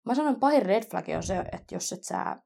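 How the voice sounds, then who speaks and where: A woman's voice: medium pitch, expressive, vocal fry, mellow. A young woman co-hosting a casual podcast chat, easygoing and agreeable, laughing along. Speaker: podcast co-host.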